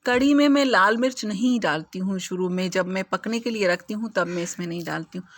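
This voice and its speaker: A woman's voice: medium pitch, a little fast. Chatty woman vlogging at home. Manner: chatty, homely, talks to viewers while working. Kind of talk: casual home vlog narration.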